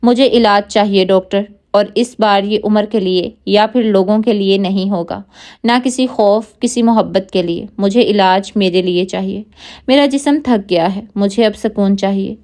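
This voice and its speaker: A woman's voice: medium pitch, a little mellow, close to an everyday voice. A woman reading the lines of a resolute young woman asking for therapy. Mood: determined.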